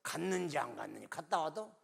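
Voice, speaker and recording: Middle-aged pastor guy preaching, tells stories and acts out voices, kinda high voice that swings all over. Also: fairly quick, creaky, husky. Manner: animated storytelling, acts out quoted voices. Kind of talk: revival sermon storytelling.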